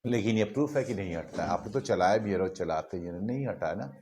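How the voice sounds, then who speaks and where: A man's voice: fairly low pitch, animated, a little fast, a little mellow, a little hiss or hum. A male physics teacher, lecturing a class in a chatty way, repeating words and asking students questions.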